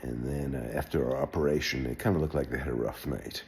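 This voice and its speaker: An older man telling a wry personal anecdote in a relaxed, halting way, with wry understatement. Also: a bass voice, creaky, a little hiss or hum. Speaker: storyteller. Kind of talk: personal anecdote told aloud.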